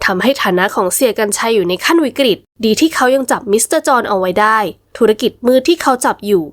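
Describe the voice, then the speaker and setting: A woman narrates a romance novel audiobook with steady, expressive storytelling. Her voice sits somewhat high, and the recording is close and dry with no room sound. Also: fast, no room sound.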